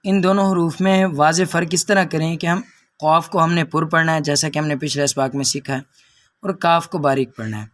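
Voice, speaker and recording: A man teaching Quran reading, slowly drawing out each syllable in drills, then explaining briskly. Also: on the high side, fairly even intonation, a bit bright. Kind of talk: recitation lesson with drills.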